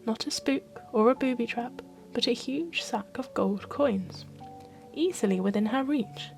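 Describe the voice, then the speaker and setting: A woman storyteller reading a fairy tale in ASMR style, with a soft, expressive bedtime delivery. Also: fairly high pitch, measured pace, gravelly, faint music behind.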